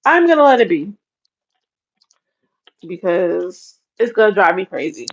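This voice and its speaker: A woman's voice: mid-range voice, big pitch swings, unhurried. Chatty woman rambling on a lo-fi livestream. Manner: chatty, rambling, laughs often. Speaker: livestream host. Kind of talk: casual livestream chat.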